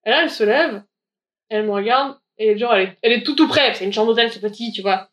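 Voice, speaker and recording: A woman's voice: a little high, fast, a bit bright. Frank woman telling a candid story. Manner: frank, slangy, acts out the dialogue she recalls. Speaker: guest telling her own story. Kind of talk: candid first-person storytelling.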